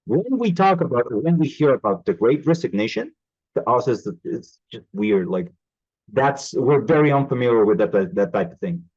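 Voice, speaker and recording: A man hosting a podcast in casual interview talk, lively and often stopping to search for words. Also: medium pitch, normal speed, slightly rough. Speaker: podcast host. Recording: dull lo-fi call audio.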